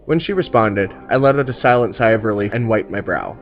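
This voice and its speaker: A man reading a horror story aloud in measured scripted narration. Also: on the low side, animated, muffled recording, soft background music.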